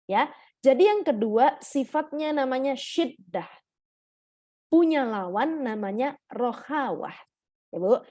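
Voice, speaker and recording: A woman's voice: sits high, expressive, slow pace, long pauses, dark tone, no room sound, studio quality. Patient woman teaching letter sounds. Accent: Indonesian. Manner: patient explaining, keeps checking in with listeners, demonstrates sounds. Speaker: Quran recitation teacher. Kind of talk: online class lecture.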